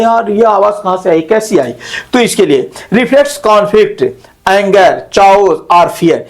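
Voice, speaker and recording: Speaking in a high voice, a male literature teacher lectures his class slowly. Each term gets an explanation and a Hindi repetition, and his delivery is broken by frequent pauses and self-corrections.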